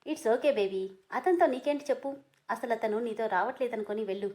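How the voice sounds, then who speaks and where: A woman voicing a mild middle-aged dad smoothing things over, high-pitched read. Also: a little fast, darkish tone, natural voice. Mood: placating. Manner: soothing, reasoning. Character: middle-aged father, calm and placating.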